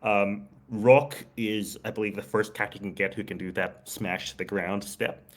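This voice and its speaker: A man's voice: lowish voice, fairly even intonation, normal speed. A man hosting a casual chat, talking eagerly with lots of fillers and laughs. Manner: enthusiastic, many fillers and laughs. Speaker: podcast host.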